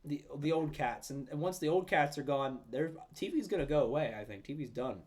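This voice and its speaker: High-voiced young man rambling casually. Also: expressive, a little fast, darkish tone. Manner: rambling, full of "like" and restarts; swears freely. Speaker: podcast co-host. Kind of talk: casual chat.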